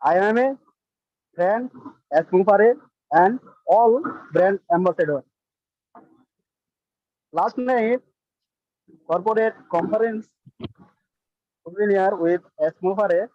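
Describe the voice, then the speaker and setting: Caller: high-voiced man, slow and halting, dull dry lo-fi call line. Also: no echo. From Bangladesh. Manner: speaks in short broken phrases. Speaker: webinar caller. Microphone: video call.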